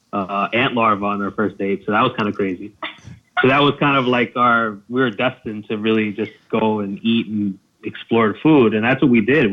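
Man on a tinny phone-like line. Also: on the low side. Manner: relaxed, laughs often, many fillers. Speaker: travel food vlogger guest. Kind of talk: casual chat.

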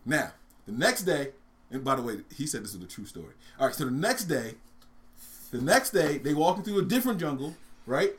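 A man's voice: on the high side, fairly quick. A man on a casual talk show, telling a long joke with lots of laughs and shrieking voices. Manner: animated, laughs a lot, shrieks during voiced parts of jokes.

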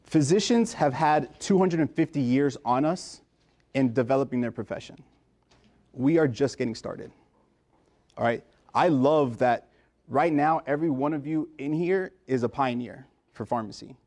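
A man's voice: medium pitch, moderate pace, a little mellow. A man from the United States, a pharmacist in his thirties, giving a casual talk to pharmacy students in a lecture room, with lots of fillers and restarts. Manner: informal, many fillers and restarts. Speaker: guest speaker, pharmacist.

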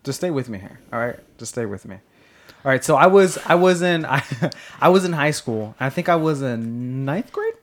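A man's voice: medium pitch, moderate pace. A man co-hosting a casual podcast, telling stories with lots of swearing and putting on other people's voices, sitting a bit too far from his mic. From California. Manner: animated storyteller, swears freely, acts out voices. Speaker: podcast co-host. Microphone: sits too far from the mic.

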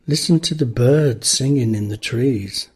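A man guides a meditation in a calm, gentle way. His voice is slightly rough and husky, at a medium pitch. He speaks very slowly and leaves long pauses between instructions.

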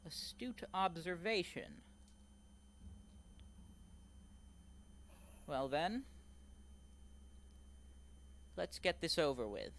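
A man's voice: a little high, big pitch swings, moderate pace, creaky, a bit bright, a little hiss or hum, pitched above the performer's own voice, full character voice. A man voicing a sly, menacing male spirit in a tabletop game, dry and mocking. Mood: smug. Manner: smug, dry and taunting.

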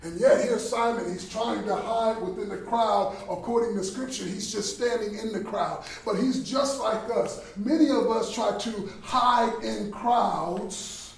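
High-voiced man preaching in an echoey hall. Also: unhurried, vocal fry, few pauses. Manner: animated storytelling, shifts between shouting and quiet. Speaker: Bible study speaker. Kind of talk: sermon. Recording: echoey hall, distant, faint noise.

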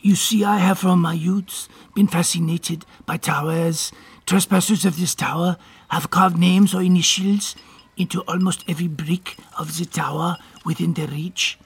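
A man's voice: high-pitched, steady tone, moderate pace, gravelly, husky, heavily acted. An actor playing a courteous, inquisitive French man with a French accent, speaking in a formal, polite way in a radio drama. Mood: courteous, curious.

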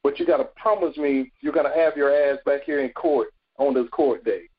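A man acting out a stern male highway cop who gives clipped, gruff orders. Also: expressive, moderate pace, narrow, tinny audio.

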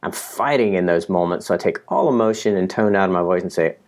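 A man's voice: low voice, fast, darkish tone. A man co-hosting a podcast, talking through a Bible passage in a casual, reflective, self-deprecating way with frequent restarts. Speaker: podcast co-host. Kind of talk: casual Bible study discussion.

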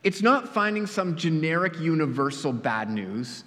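A man's voice: on the high side, very animated, normal speed. Earnest male preacher in a church hall. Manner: earnest, storytelling, drops quiet for emphasis. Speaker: pastor. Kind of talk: sermon.

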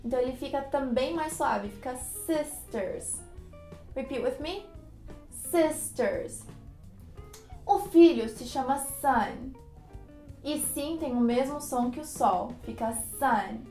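A woman with a Brazilian Portuguese accent, a native Portuguese speaker, teaching English vocabulary and saying each word slowly and carefully for her students to repeat. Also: high-pitched, dark tone, echoey room, faint music behind. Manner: slow, careful pronunciation of English words. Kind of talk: vocabulary lesson with repeat-after-me drills.

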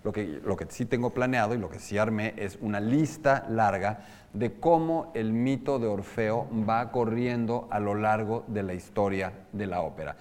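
A man with a Mexican Spanish accent lectures on opera in a large hall, and his words trail off into a long reverb. His voice sits on the low side. He talks loosely, stops to ask the group questions and sings brief examples. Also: normal speed, darkish tone. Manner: explains with sung and spoken examples, asks the audience questions. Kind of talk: informal lecture to a live group.

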